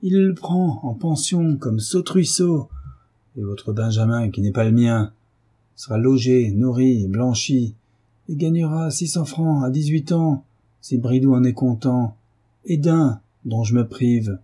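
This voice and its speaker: A man's voice: medium pitch, a little slow, warm tone, breathy edge. A man reading a novel aloud and voicing a drunken, hulking husband who bullies and threatens his wife. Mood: bullying. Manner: bullying, blustering threats. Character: brutish drunken giant of a husband, furious.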